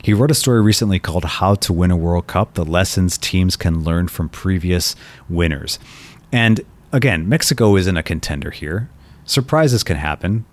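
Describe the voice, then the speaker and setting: A man's voice: low-pitched, animated, moderate pace. A man from Colombia giving solo soccer commentary, thoughtful and prone to restarting his sentences. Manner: thoughtful, frequent restarts and repeated words. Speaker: soccer writer and podcast host.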